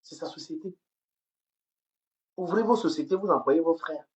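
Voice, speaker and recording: Her voice sits low and a little mellow, at normal speed, as this Cameroonian livestream host delivers a heated rant into her phone camera. She keeps repeating phrases and stammering on words, and the audio is dull and lo-fi.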